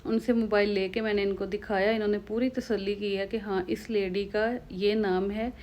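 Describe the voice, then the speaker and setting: A young Pakistani woman with a Pakistani Urdu accent and a slightly hoarse throat, chatting to viewers in a casual travel vlog. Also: mid-range voice, flat delivery, moderate pace, a little mellow. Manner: chatty, conversational, addresses viewers directly. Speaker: vlogger.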